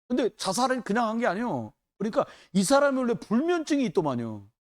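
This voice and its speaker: A man preaching a sermon in church, telling stories in a loose, conversational way and acting out the people he quotes. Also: extremely high pitch. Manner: animated, colloquial storytelling with acted quotes. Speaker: pastor.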